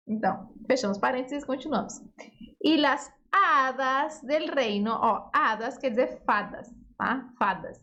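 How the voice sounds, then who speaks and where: A woman teaching Spanish grammar to beginners, explaining patiently, reading examples slowly, checking in with short tags. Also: sits high, dull audio. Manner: reads example phrases slowly and carefully.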